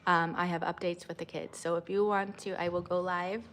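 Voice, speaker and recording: A woman's voice: little pitch movement, fairly quick, fairly bright tone, slight background noise. A woman, chatting casually on a livestream, rambling with many fillers. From Canada. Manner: rambling with many fillers, high sing-song when coaxing her child. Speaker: vlogger and mother.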